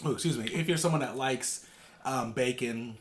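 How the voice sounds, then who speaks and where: A man with a medium-pitched voice chats to viewers in a casual mukbang style. He talks through mouthfuls, chewing as he goes, in loose informal phrases that he often repeats for emphasis. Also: moderate pace. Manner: talks while eating, with chewing and savouring murmurs. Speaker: vlog co-host.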